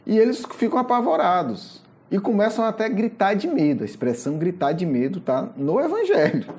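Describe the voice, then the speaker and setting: Lively Brazilian Portuguese spiritist lecturer. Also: mid-range voice, a little fast. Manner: animated storytelling, often tagging lines with a questioning aside. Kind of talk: religious lecture retelling a Gospel story.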